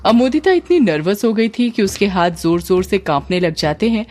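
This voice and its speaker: A woman reading a scripted story in a steady, descriptive way as a storyteller. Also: mid-range voice, moderate pace, a little hiss or hum.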